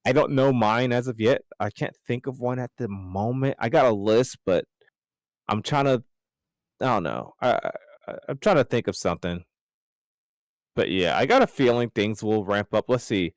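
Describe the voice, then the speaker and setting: A man co-hosting a casual gaming podcast, rambling and excitable, his voice jumping up high when he jokes. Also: moderate pace, no room sound, clean studio sound. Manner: excitable, rambling, jumps up in pitch when joking. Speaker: podcast co-host.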